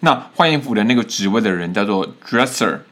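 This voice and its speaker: A young man co-hosting a podcast, chatting casually with quick teasing remarks. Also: lowish voice, lively intonation, fairly bright tone. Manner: quick-talking, teasing, reacts with laughs. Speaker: podcast co-host, stage performer. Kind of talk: casual chat.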